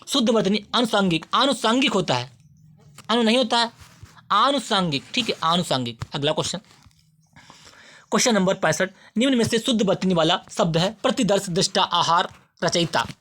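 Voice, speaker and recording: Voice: mid-range voice, a bit bright. A teacher giving an exam-prep spelling lesson who addresses students directly and repeats each word several times while explaining.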